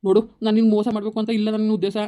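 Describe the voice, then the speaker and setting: A man's voice: sits high, flat delivery, very fast, warm tone, lightly acted. A man playing a sheepish village husband who pleads and placates. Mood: pleading.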